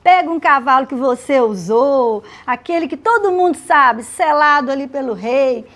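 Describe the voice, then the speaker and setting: A woman's voice: on the high side, moderate pace, close to an everyday voice. A woman doing a gloating self-important official. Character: proud scheming male royal official, self-important.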